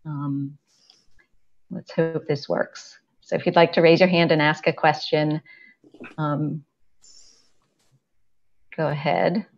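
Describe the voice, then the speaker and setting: An older woman moderating a press conference over a video call, talking slowly with many pauses and fillers, on earphones from home. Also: low voice, flat delivery, creaky. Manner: hesitant, filler-heavy, slow. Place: home room indoors. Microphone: earphone headset on video call. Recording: dull lo-fi video call audio.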